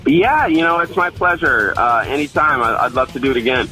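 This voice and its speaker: Laid-back rock musician, bright voice. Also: male voice, mid-range voice, expressive, brisk, faint music behind, rough recording. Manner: laid-back, loose, full of fillers and restarts. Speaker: touring rock band member, guest. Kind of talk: casual interview chat.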